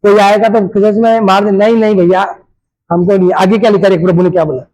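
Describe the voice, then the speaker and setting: Male pastor, very high voice, dry close sound, fervent sermon delivery addressing the congregation. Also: little pitch movement, fairly quick, darkish tone, no room sound, poor audio. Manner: fervent, talks directly to the congregation. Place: church.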